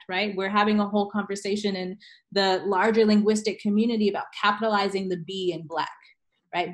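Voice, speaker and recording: A woman writing teacher talking on a podcast, emphatic and full of rhetorical questions, often tagging "right?". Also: medium pitch. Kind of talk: podcast conversation.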